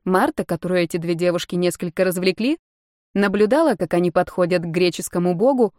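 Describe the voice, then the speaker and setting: A woman's voice: fairly low pitch, brisk, no echo. Woman narrating an audiobook, dry. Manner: even, storytelling. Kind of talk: scripted narration.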